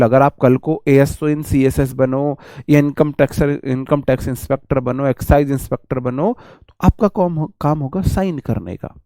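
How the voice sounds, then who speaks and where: A man's voice: a little high, darkish tone, dry recording. A man teaching vocabulary in an online exam-prep class, chatty and repetitive, explaining words with homely examples and calling viewers his brother.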